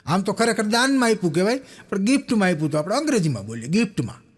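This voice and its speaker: Racing along in a high-pitched voice with a breathy edge, a young man performs Gujarati folk joke-telling at a live stage show with an audience. The stand-up comedian animates his stories by acting out the people he quotes.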